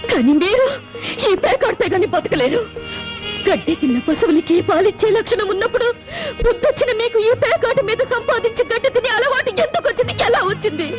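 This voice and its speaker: A woman's voice: extremely high pitch, expressive, fast talker. An actress playing a wronged young wife who reproaches her gambling husband with sarcasm, in a film drama. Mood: scolding. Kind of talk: Telugu film drama acting. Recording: film soundtrack with music behind.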